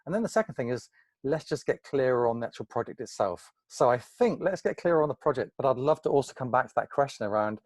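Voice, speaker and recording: A male host runs an informal interview, sounding curious and conversational as he thinks aloud and rephrases his questions. His mid-range voice is darkish and fast, with lively intonation. The recording is dry.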